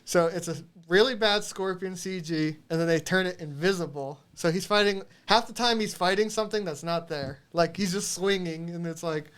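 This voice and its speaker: A man's voice: high voice, normal speed, few pauses, fairly bright tone, clean tone. A man co-hosting a podcast, casually recapping a movie, rambling, swearing and laughing as he goes. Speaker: podcast co-host.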